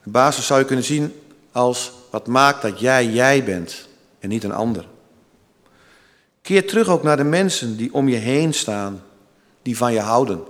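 A man preaching a sermon in a slow, gentle and solemn manner, with long pauses. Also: mid-range voice, long reverb tail.

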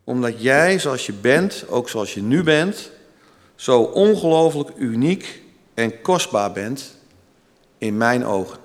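A man preaching a sermon in a slow, gentle and solemn manner, with long pauses. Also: mid-range voice, expressive, big-room sound.

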